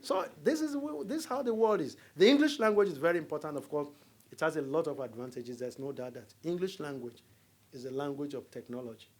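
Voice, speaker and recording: A middle-aged Nigerian diplomat with a Nigerian accent gives a university lecture, animated and full of stories and jokes with the audience. His voice is on the high side and fairly quick, with slight background noise.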